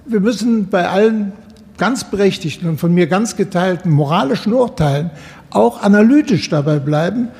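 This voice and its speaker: A man's voice: high voice, animated, normal speed, dark tone, in a large hall. A man speaking as a guest in a radio panel discussion, academic and long-winded in his sentences.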